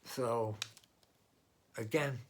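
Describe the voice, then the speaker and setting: Very slow and fairly even in intonation, the vlogger's medium-pitched voice carries an unscripted political rant aimed right at his audience. It's blunt and rambling, dotted with restarts and side remarks.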